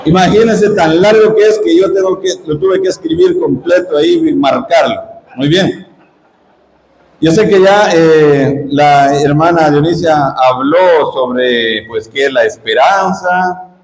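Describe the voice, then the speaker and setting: A man's voice: a little high, a little slow, gravelly, darkish tone, slight background noise. A middle-aged man from Guatemala, a lay missionary giving a parish retreat talk in a conversational, teaching way, asking the audience questions. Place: church hall. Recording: echoey parish hall.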